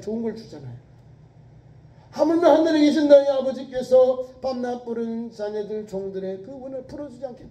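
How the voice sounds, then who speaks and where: A male pastor with a very high, dark-toned voice preaching in an echoey church hall, heard from a distance. He drives his points with rhetorical questions and sudden emphasis, and sometimes acts out prayers in a pleading tone. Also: a little hiss or hum. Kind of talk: sermon. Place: church sanctuary.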